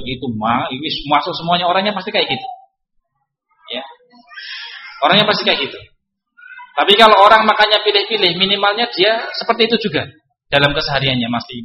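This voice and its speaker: Lively joking preacher. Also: male voice, a little hiss or hum. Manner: lively, joking asides, sudden pitch jumps for emphasis. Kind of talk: Islamic study sermon. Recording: roomy, dull lo-fi recording.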